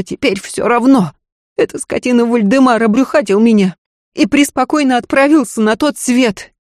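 Brief: high shrill hysterical noblewoman, bitter and volatile, put on by a woman reader, dry close audiobook read. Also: darkish tone, no echo, natural voice. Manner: shrill, screaming, sobbing outbursts.

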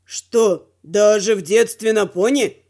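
A woman voicing a stern, weary male riding teacher in an audiobook, talking gruffly and with exasperation. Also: mid-range voice, takes it slowly, warm tone, voice pushed down. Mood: exasperated.

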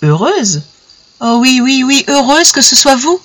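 A reader voicing a shy young woman in love, speaking in a breathless, halting way. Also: high voice, big pitch swings, noisy background, pitched above the performer's own voice. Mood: wondering joy.

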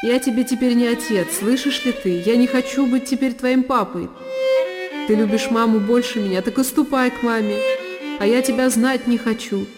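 A woman's voice: fairly high pitch, normal speed, loud music behind the voice, close to an everyday voice. A woman voicing a distraught father in an audiobook, who speaks in a trembling, frantic half-whisper. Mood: bitter. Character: distraught, desperate father, middle-aged man. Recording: long reverb, faint violin behind.

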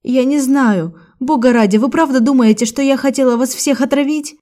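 A woman's voice: on the high side, animated, normal speed, dark tone, pitched above the performer's own voice, natural voice. A woman voicing a young woman who is wrongly accused and pleads in a raised, tearful voice. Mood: desperate pleading.

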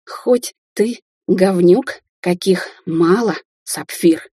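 A woman's voice: on the low side, very animated, normal speed, warm tone, husky, dry recording, clean studio sound, full character voice. A woman doing a fiery indignant young woman. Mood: fierce. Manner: snapping, outraged.

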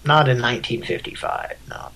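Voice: medium pitch, fairly even intonation, normal speed, pushed and bright, rough recording. A podcast co-host in casual chat, making dry absurd jokes. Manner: dry jokey, absurd bits.

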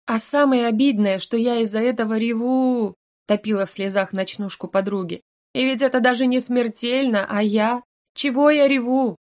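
A woman narrating a first-person fantasy audiobook in a lively, expressive way. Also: fairly high pitch, moderate pace.

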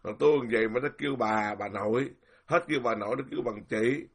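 An older Buddhist monk with a Southern Vietnamese accent talks casually with a gravelly, husky voice. He sounds indignant and rambling, stumbling over repeated words and laughing now and then. It is an informal spoken dharma talk. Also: fairly low pitch, fast.

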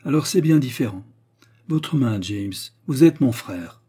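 A man voicing an excitable, greedy young gentleman in a read-aloud classic story, exclaiming dramatically. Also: medium pitch, unhurried, breathy edge, pitched above the performer's own voice. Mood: eager.

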